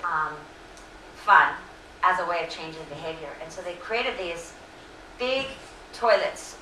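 Slightly hoarse middle-aged woman, bright lower voice, lecture guest recorded from across an echoey room. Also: animated, measured pace, a little hiss or hum. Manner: earnest, many fillers and self-corrections. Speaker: invited lecture speaker. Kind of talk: lecture Q&A answers. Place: lecture hall. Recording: echoey room, distant mic.

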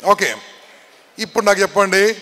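A motivational speaker with a Telangana accent, firing repeated questions at a student audience and shouting for answers. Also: male voice, sits high, moderate pace. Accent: Telangana Telugu. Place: large hall with an audience. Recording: echoey hall, faint background noise.

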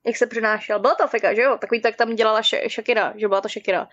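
Woman, casual storyteller, rambling, filler-heavy, slightly high pitch, dry close sound. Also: fairly even intonation, a bit bright, no room sound, muffled recording. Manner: rambling, constant filler words. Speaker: guest storyteller.

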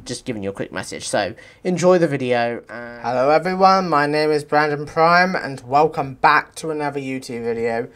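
A British man with a slight lisp, rambling casually as a YouTube reaction host. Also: medium pitch. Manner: rambling, repeats "pretty much".

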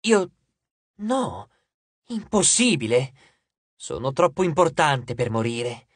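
A man's voice: medium pitch, big pitch swings, slow pace, breathy edge, dry recording, full character voice. A man voicing a vain young man in an audiobook, talking in a languid, self-admiring way. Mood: smug, dreamy.

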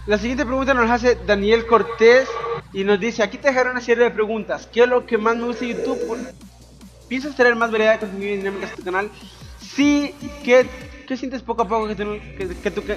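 A man's voice: sits high, fairly quick, fairly bright tone, faint music behind. A young man from Ecuador, a YouTuber answering viewer questions in a boisterous, crude, joking way with lots of swearing. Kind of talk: casual Q&A voice-over over gameplay.

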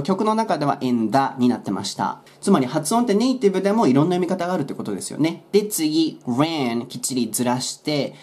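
A man's voice: a little high, a little mellow. A man explaining English song lyric pronunciation in a friendly, explanatory way with playful asides.

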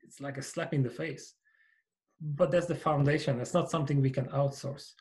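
A man in his forties from Hungary with a Hungarian accent, speaking as a guest on a podcast over a video call, earnest and measured as he explains his ideas. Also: on the high side, steady tone, a little mellow. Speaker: company founder, guest. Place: small home office with bookshelves. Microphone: over-ear headset with boom mic.

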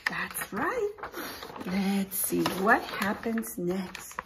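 A woman in her forties who teaches preschool reads a picture book to young children in a small room with posters on the walls, animated and expressive as she exclaims and asks them questions. Her voice is medium-pitched with drawn-out words, and the recording is very noisy.

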